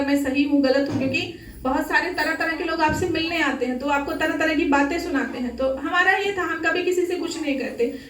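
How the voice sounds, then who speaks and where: Young woman speaker, high voice, earnest and exhorting, miked from a distance. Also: fairly bright tone. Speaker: spiritual speaker. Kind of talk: Sunday talk to a gathering. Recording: echoey hall, mic at a distance.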